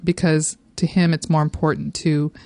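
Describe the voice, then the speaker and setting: A woman's voice: sits low, level tone, moderate pace, a little mellow, no echo. Casting note: woman podcast co-host, chatty recapper, dry close mic. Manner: chatty, explains plots at length. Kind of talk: casual TV recap chat.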